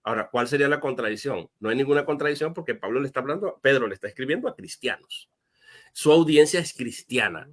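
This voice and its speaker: A pastor explaining a Bible question as an interview guest, earnest and step by step, with frequent fillers and restarts. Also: male voice, medium pitch, expressive, fast. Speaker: guest answering viewer questions.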